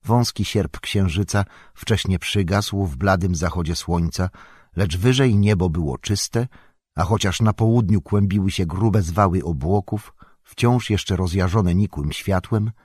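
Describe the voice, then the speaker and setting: A man narrating a fantasy novel in a calm, measured storytelling manner. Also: deep voice, breathy edge, no echo. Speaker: audiobook narrator.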